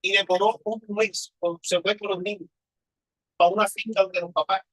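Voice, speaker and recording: A man's voice: high voice, steady tone, normal speed, a bit bright, husky, dry recording, poor audio. A man preaching a personal testimony sermon, telling his story with emotion and asking rhetorical questions.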